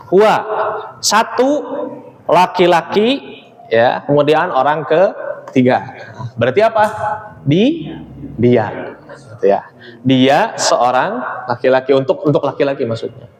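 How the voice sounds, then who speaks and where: A man's voice: mid-range voice, lively intonation, slow, pauses often. A man teaching Arabic grammar in a classroom, explaining patiently and checking understanding often. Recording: reverberant hall, faint ambient noise.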